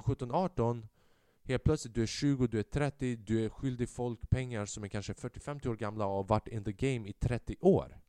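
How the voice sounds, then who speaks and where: In a dry, clean studio recording, a young man from Sweden hosts a podcast and spins a casual story. His tone is clear and resonant, and he moves from shouting to mumbling, peppering his speech with English slang and curses.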